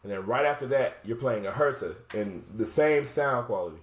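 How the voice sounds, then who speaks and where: A man's voice: medium pitch, animated, fairly quick, heavy background noise. A man casually explaining drum rudiments step by step, correcting himself as he goes while demonstrating on a drum. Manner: casual, self-correcting, thinking aloud. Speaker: drumline instructor. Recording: echoey room with drumming. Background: drum playing.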